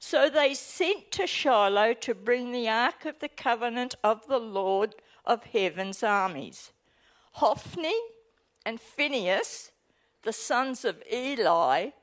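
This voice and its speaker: This Australian-accented pastor, a woman, has a fairly high voice with lively intonation as she gives a sermon and reads scripture. She comes across as earnest and careful, pausing in small hesitations.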